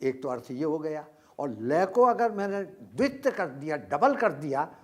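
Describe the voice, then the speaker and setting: Slow, deliberate older male lecturer. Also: a little high, sing-song, darkish tone. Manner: slow and explanatory, with many drawn-out pauses; stresses words to demonstrate examples. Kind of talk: recorded university lecture.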